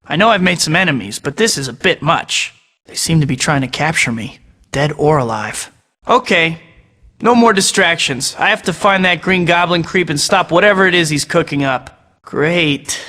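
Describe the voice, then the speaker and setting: Spider-Man, bright quippy hero. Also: fairly high pitch, animated, normal speed, big-room sound. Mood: wisecracking. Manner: wisecracking, sarcastic quips. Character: young male superhero, quippy and earnest. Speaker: game character. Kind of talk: game voice clips.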